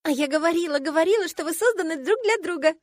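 An excitable, romantic young best friend in a fantasy audiobook, as a woman reader puts her on, pitched well up and near-squealing with delight, dreamy and gushing. The voice sits close and dry, with no room echo. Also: fast.

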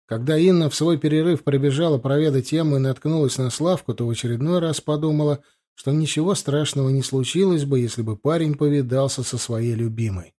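A man narrating a story as an audiobook in a steady, even manner. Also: mid-range voice, fairly quick.

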